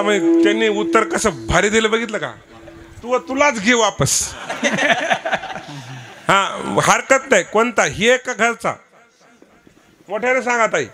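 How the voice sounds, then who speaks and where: A man with a Marathwada accent preaching a devotional kirtan sermon, questioning and teasing the listeners as he prods the women to answer aloud. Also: a little high. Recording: live event with instrument music behind. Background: musical instruments.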